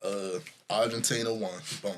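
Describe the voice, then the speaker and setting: A man's voice: lowish voice, moderate pace, slight background noise. A young man co-hosting a podcast in casual chat, telling stories bluntly with plenty of slang. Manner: relaxed storytelling, slangy, blunt. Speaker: podcast co-host.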